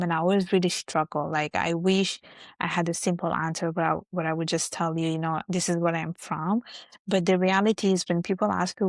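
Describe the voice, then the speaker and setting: A young Italian woman, a guest in a casual interview chat, talks things through in an even, fairly low voice with an Italian accent. She reflects using plenty of fillers like "like" and "you know." The sound is close and dry, with no echo.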